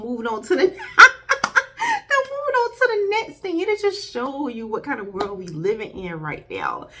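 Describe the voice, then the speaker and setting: A woman hosting her own video channel, chatting casually and warmly straight to her viewers, often addressing them as y'all and drifting into rambling asides. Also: mid-range voice.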